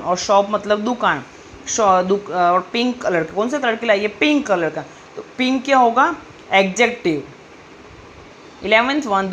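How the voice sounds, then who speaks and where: A woman's voice: mid-range voice, a bit bright. Woman teacher walking kids thru grammar, asks then answers herself, bit of hiss. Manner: reads English sentences slowly, explains in Hindi with questions and answers. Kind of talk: grammar lesson for children.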